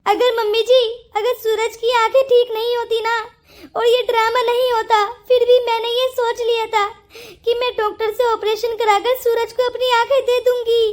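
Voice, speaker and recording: A woman's voice: extremely high pitch, level tone, moderate pace. A woman voicing a scheming young wife in a Hindi cartoon story, pleading and sweetly insistent. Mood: earnest.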